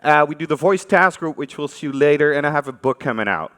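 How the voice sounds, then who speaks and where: A Dutch man from the Netherlands gives an informal conference talk, chatting conversationally and putting questions to his audience. His voice is on the high side, expressive, fairly quick, and a bit bright, recorded reverberantly from the stage of a large conference hall.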